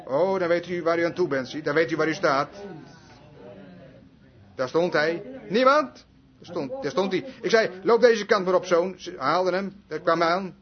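High-pitched preacher man, emphatic sermon storytelling, goes loud then hushed, muffled lo-fi tape. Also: normal speed. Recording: dull lo-fi recording.

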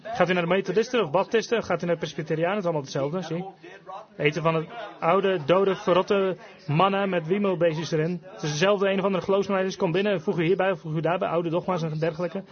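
A man preaching a fervent revival sermon, emphatic, switching between quick bursts and slow, drawn-out phrases. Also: high-pitched, fairly even intonation. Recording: dull lo-fi recording with congregation audible.

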